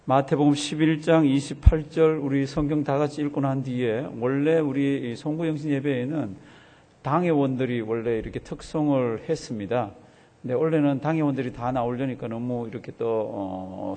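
A middle-aged male pastor preaching a sermon in a church, animated, acting out the voices of crying babies and complaining people. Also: mid-range voice. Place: church sanctuary. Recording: long hall reverb.

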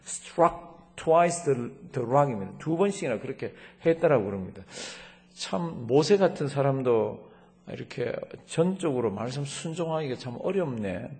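A middle-aged male pastor preaching a sermon, asking rhetorical questions and slowing down to read scripture aloud, in a church sanctuary. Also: medium pitch, expressive, darkish tone. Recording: long church hall reverb.

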